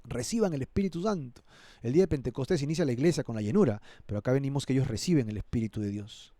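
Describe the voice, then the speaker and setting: A man's voice: medium pitch, racing, dark tone, no room sound, clean studio sound. A male pastor preaching an expository sermon, dramatizing the scripture and earnestly appealing to his listeners. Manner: dramatizes the scripture, acting out characters' voices.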